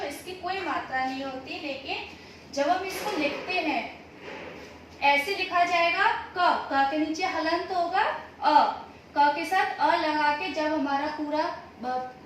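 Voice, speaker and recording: A woman teaching a grammar lesson to children, asking the class questions, answering them herself, and drawing out each vowel slowly. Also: high voice. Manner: slow, drawn-out sounding of vowels and syllables. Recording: echoey room, voice from a distance, faint noise.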